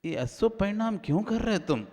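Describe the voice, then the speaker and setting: A man's voice: high voice, fairly quick. A man, a Jain monk, giving a sermon and acting out everyday quarrels in a raised voice. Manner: animated, acts out quarrels in a raised voice. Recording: hall reverb.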